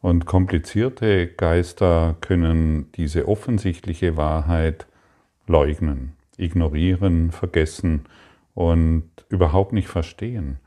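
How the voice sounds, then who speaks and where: A man giving a spoken spiritual lesson, calm and repetitive, addressing the listener directly. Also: low voice, slow. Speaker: spiritual teacher.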